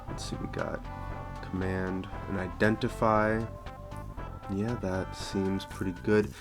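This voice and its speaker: A man casually reviewing homebrew tabletop rules, thinking aloud and repeating himself as he goes. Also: sits low. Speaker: tabletop game content creator.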